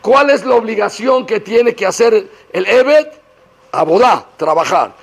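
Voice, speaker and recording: Gravelly high-voiced rabbi lecturing. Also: male voice, measured pace. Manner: mixes Hebrew terms into Spanish, lively teacher acting out dialogues. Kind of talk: Torah lecture. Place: classroom talk to female students.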